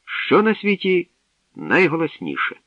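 A man's voice: a little high, huge pitch swings, unhurried, no room sound, voice pushed up. A man voicing a spirited young princess who speaks insistently. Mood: questioning. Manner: insistent, raised voice. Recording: dull dry studio recording.

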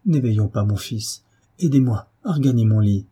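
A man's voice: fairly low pitch, lively intonation, normal speed, dark tone, slightly rough. A man voicing a faint, frail young mother, speaking weakly and breathlessly in a storybook reading. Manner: weak and breathless.

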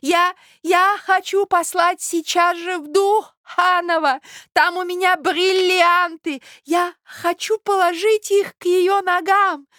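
A woman's voice: very high-pitched, steady tone, slow, sharp tone, dry recording, studio quality, pitched above the performer's own voice, heavily acted. A woman voicing a weak, lovestruck old prince who babbles breathlessly and stammers. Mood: rapturous.

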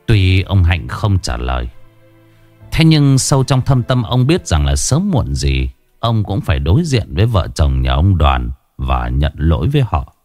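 A man narrating a dramatic story in an expressive, scripted way. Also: low voice, measured pace. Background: faint music.

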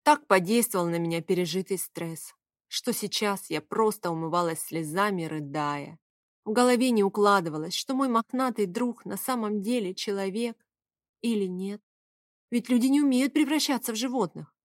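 A woman reads a first-person novel aloud with emotional expression. Her voice sits at a medium pitch. The close-miked recording is dry, with no room sound. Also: moderate pace, no echo. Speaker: audiobook narrator.

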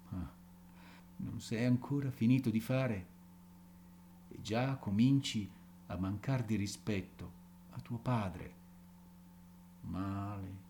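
A man's voice: medium pitch, a little mellow, slight background noise, lightly acted. A man voicing a fretful old woodcarver. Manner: muttering, scolding, then sorrowful.

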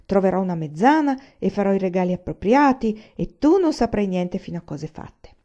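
A man's voice: sits high, sing-song, normal speed, warm tone, lo-fi sound. A woman reading a passionate young man. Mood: earnest. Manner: urgent, emphatic.

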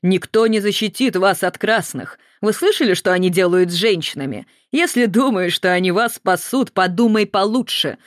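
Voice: medium pitch, normal speed, hardly any pauses, dry recording, studio quality, lightly acted. A reader doing a barking, brutal camp guard. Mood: menacing. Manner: loud, barking orders, mocking.

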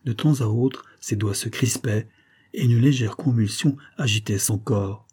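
A man narrating a serialized detective story as an audiobook, in a measured, even way. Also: mid-range voice, slightly rough. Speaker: audiobook reader. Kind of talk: literary narration.

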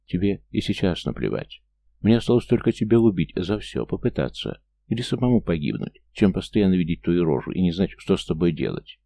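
A man's voice: sits low, very animated, fairly quick, vocal fry, warm tone, heavily acted. A man voicing a bitter, resentful teenage boy cadet in a story reading, sullen and muffled.

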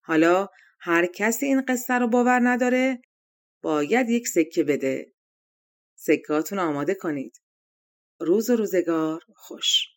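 A woman narrating a fairy-tale audiobook in an expressive, lively reading style. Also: lowish voice, pauses often.

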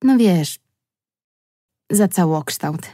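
A woman's voice: lowish voice, animated, extremely slow, mellow, no room sound, clean studio sound, heavily acted. A woman voicing a drowsy, heartbroken girl of nearly fourteen who mumbles her words in an audiobook. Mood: sleepy.

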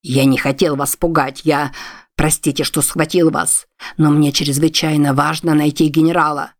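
A woman's voice: low voice, little pitch movement, normal speed. A woman voicing a desperate, bearded former soldier who talks in an urgent, pleading, breathless way.

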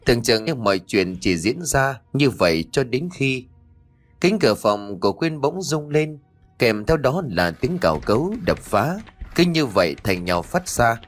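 A man narrating a horror story as a storyteller, reading in a steady, measured way. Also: medium pitch. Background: faint music.

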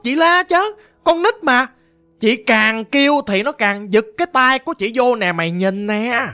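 A woman's voice: fairly high pitch, fairly bright tone. Southern Vietnamese woman telling a ghost story. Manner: vivid, emphatic, repetitive telling.

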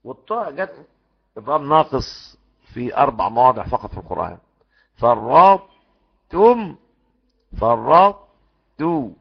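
Man, Egyptian Arabic accent, recitation teacher, gravelly voice, muffled lo-fi sound. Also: mid-range voice, fast talker. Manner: animated, demonstrates sounds repeatedly, asks the class questions. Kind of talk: lecture on tajweed rules. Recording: muffled lo-fi recording.

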